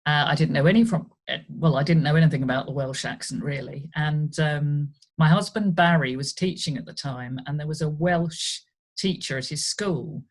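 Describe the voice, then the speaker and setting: A woman's voice: low-pitched, normal speed. An older woman, a guest on a video call, recalling her amateur acting days in a reflective, storytelling way. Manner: reflective storytelling, light laughs. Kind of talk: casual interview.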